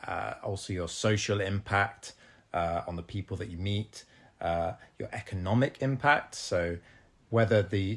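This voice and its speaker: A man co-hosting a podcast, speaking haltingly with many restarts and fillers. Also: sits low. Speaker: podcast co-host. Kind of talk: casual podcast chat.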